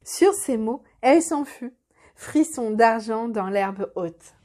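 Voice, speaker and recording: High-voiced woman reading a fairy tale. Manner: measured, expressive reading. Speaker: storyteller. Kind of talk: reading a children's story aloud.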